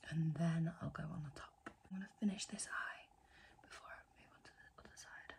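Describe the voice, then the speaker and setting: A woman's voice: sits low, brisk, gravelly. A young woman whispering a chatty ASMR makeup tutorial, rambling and often correcting herself. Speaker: ASMR creator.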